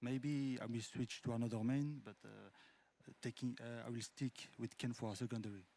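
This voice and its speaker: A man's voice: medium pitch, steady tone, normal speed, gravelly, warm tone. A man, a professional fighting game player, giving short, hesitant interview answers with fillers.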